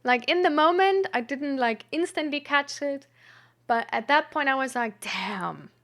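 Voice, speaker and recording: A woman's voice: high voice, normal speed, a bit bright. A young woman streamer telling a personal story in a candid, rambling way, full of "like", restarts and nervous laughs. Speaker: streamer hosting a mental health talk.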